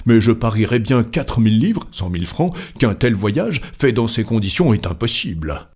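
A man voicing an excitable gentleman card player who exclaims his doubts with agitation. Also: medium pitch, normal speed, husky. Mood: agitated.

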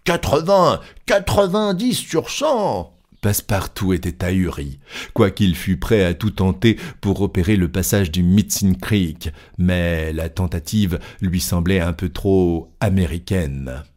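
Man, fairly low voice, audiobook narrator, measured, lightly dramatic. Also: a little mellow. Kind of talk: audiobook reading of a classic novel.

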